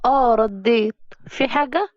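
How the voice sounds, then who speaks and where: A woman's voice: fairly high pitch, unhurried, no echo, lightly acted. A proud young woman with an Upper Egyptian accent answers back sharply, voiced by a woman storyteller. Her cutting replies sound dry and close. The recording is slightly dull. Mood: defiant. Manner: defiant, cutting.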